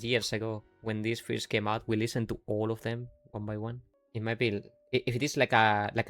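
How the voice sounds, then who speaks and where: A man with a Yorkshire accent and a fairly low voice chats casually while live-streaming a game, rambling and breaking off mid-sentence. The audio has no echo.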